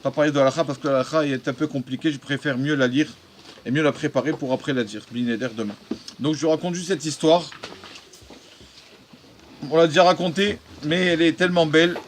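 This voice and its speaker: Rabbi, male, fairly high voice; halting storyteller who restarts phrases and drops in Hebrew terms. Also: fairly even intonation, slight background noise. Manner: halting, repeats and restarts words while telling; mixes in Hebrew religious terms. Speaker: rabbi giving a daily talk. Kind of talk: storytelling talk to a congregation.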